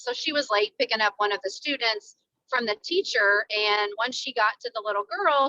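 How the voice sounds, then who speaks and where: A woman's voice: on the high side, sharp tone, no room sound. A woman calling in from a car speakerphone while driving, giving a chatty update to a meeting. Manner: chatty, leans on "you know". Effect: talking through a car speakerphone while driving. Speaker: school staff member on a video meeting. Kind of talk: casual update on a group call. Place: inside a moving car. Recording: dull, lo-fi phone line, dry.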